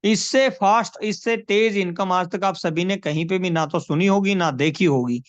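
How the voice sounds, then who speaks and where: High-voiced man pitching on a call. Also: moderate pace, no echo. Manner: persuasive, repeats figures, addresses listeners as friends. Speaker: presenter of a money scheme. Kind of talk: sales pitch on a video call. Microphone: video call. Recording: dry, dull lo-fi call audio.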